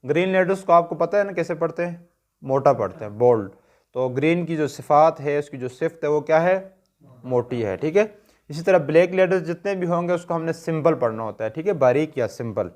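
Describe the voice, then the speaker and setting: A man's voice: a little high, brisk. A man with a Pakistani Urdu accent teaching a tajweed lesson, patiently asking questions and answering them himself. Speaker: Quran recitation teacher.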